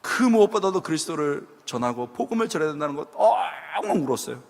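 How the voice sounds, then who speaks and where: A man's voice: a little high, fast, creaky. A man giving a sermon to a young adults' group, telling stories and acting out the voices of the people in them. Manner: animated storytelling, acting out quoted voices. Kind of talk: sermon with storytelling. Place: church hall. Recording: long hall reverb.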